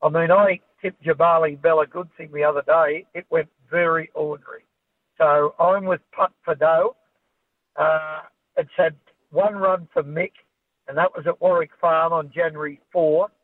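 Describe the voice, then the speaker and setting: Higher-pitched Australian man on tinny phone. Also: steady tone, moderate pace, no echo. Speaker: horse racing form analyst. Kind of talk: unscripted racing preview on radio. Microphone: phone call to radio studio. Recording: tinny, band-limited phone line.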